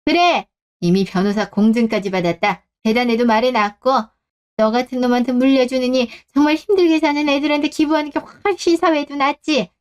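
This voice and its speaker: A woman's voice: high voice, brisk, clear, resonant tone, lightly acted. A woman voicing a firm older mother who scolds her grown son in a radio drama. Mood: scolding. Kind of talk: Korean radio drama acting.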